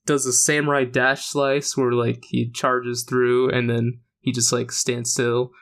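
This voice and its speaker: A man's voice: mid-range voice, level tone, unhurried, fairly bright tone. A man co-hosting a podcast, casually recapping a story with many fillers and restarts. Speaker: podcast host. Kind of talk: casual chat.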